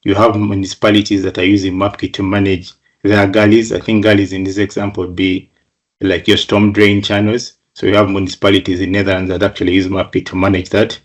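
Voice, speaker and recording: Middle-aged male presenter from Uganda, low monotone, measured webinar delivery with repeats. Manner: measured, flat delivery with frequent repeated words.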